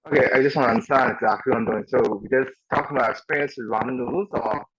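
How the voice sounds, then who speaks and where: A man's voice: mid-range voice, fairly even intonation, very fast, fairly bright tone, muffled recording. A man joining as a remote guest, talking in a loose, rambling way over glitchy online call audio that keeps breaking up. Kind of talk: casual chat. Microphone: computer or phone mic on a video call.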